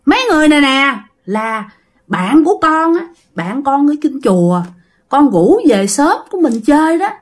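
A woman's voice: high voice, sing-song, moderate pace, pitched above the performer's own voice. Woman doing a vengeful girl ghost. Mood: threatening. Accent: Southern Vietnamese. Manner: pleading then threatening, repeats herself.

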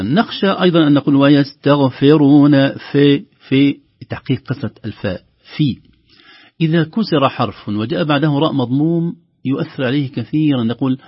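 Male recitation teacher, husky voice, breaks off to chant examples slowly, dry lo-fi sound. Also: medium pitch, no echo. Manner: alternates explanation with slow, drawn-out recitation. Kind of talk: recitation lesson. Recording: lo-fi radio broadcast.

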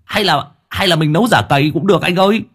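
Anxious young male sidekick, voiced by a man, high and raspy. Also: fast talker, a bit bright, full character voice. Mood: fussy. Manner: fussy, anxious questions.

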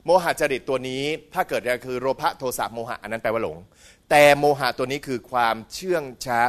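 A middle-aged man giving a humorous dharma talk in a school hall. He is animated, mimics voices for comic effect and keeps asking the audience questions. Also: medium pitch, a little fast. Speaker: Buddhist lecturer.

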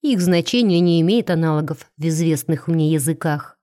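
A woman's voice: low-pitched, normal speed, warm tone, lightly acted. A woman reading an audiobook, voicing a cold, commanding male alien starship captain. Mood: stern.

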